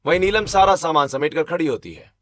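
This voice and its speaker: A man narrating a cartoon story in a steady storytelling manner. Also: fairly high pitch, quick pace, slight background noise.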